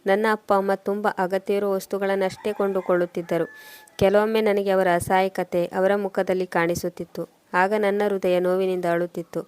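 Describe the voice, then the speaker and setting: Woman reading a story in a flat voice. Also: medium pitch, a little fast, clean tone. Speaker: story narrator. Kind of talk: scripted storytelling narration.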